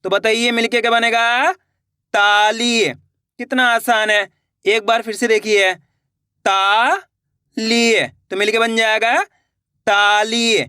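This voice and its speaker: Crisp, bright-voiced slow-reading Hindi teacher. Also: mid-range voice, level tone, no room sound, clean studio sound. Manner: drags out each word slowly, then explains quickly; asks rhetorical questions and answers them. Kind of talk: children's reading lesson.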